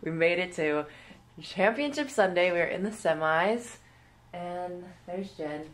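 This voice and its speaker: A young woman chatting casually in a vlog, relaxed and laughing often between her words. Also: on the low side, unhurried, roomy sound. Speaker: vlogger and beach volleyball player.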